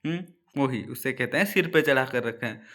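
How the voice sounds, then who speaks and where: A man's voice: mid-range voice, a little fast, a bit bright. A male teacher reading a children's story aloud and explaining the meanings of words, often addressing the children directly.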